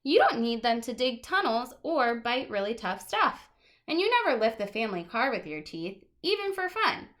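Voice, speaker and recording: A woman with a fairly high voice reads a children's nonfiction picture book aloud the way a teacher would for kids. She's expressive and deliberately stresses key words, dropping in casual asides of her own.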